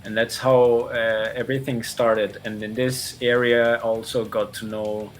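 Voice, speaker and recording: A man's voice: medium pitch, flat delivery, a little slow, a little hiss or hum. A man, a guitarist giving casual interview answers over a video call, speaking hesitantly with many fillers. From Austria.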